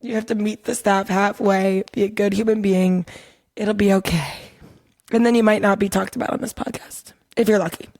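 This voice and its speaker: A woman's voice: mid-range voice, fairly even intonation, normal speed, a little mellow. A woman co-hosting a casual podcast, teasing her co-host and laughing often. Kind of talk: casual chat.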